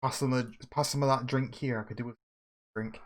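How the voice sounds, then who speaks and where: A man's voice: mid-range voice, steady tone, a little fast. A man with a mid-range voice chats in a blunt, informal way during a flight sim game. He mixes loose gamer talk with short pilot radio calls. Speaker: gamer flying in an online flight simulator. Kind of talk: casual gaming chat mixed with radio calls.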